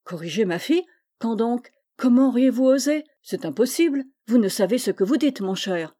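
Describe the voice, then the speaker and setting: A lordly middle-aged baron, read by a woman in a storybook, sharp with offended pride. The tone is mellow and darker. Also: fairly high pitch, lively intonation, moderate pace. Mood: indignant. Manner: courteous then indignant, lordly. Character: indignant aristocratic baron, middle-aged man.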